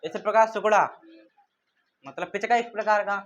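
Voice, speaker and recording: A man's voice: sits high, fairly even intonation, normal speed, a bit bright, highs cut off. A male teacher giving a classroom lecture. He asks questions and answers them himself, and repeats key terms in a call-and-response drill.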